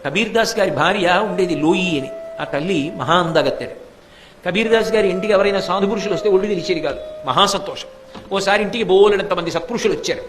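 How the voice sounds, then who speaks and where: High-voiced man telling a devotional story. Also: fast talker, noisy background. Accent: Telugu. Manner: dramatic storytelling, voicing the characters in quotes.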